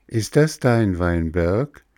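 A man's voice: low voice, lively intonation, slow, no echo, studio quality. A man voicing a small, kindly firefly who talks with pity and mild reproach in a storybook reading. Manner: gentle, reproachful.

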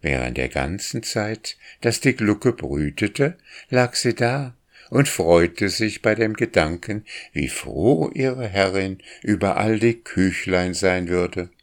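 A man's voice: low-pitched, expressive, slow, full character voice. A man voicing a proud male crow chieftain who speaks with scorn and tells a tale in a storybook. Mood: scornful, reminiscing.

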